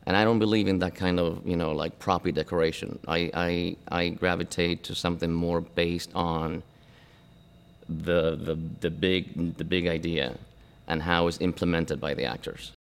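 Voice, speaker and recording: A man's voice: deep voice, steady tone, normal speed, creaky, clean tone. A scenic designer from Argentina speaking in a documentary interview, reflective and searching for his words.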